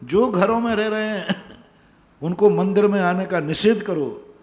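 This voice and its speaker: A man's voice: sits high, measured pace, darkish tone, long reverb tail. A male Jain monk giving a sermon, emphatic, repeating his commands to the devotees. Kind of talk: sermon answering devotees' questions. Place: large pandal, nearly empty.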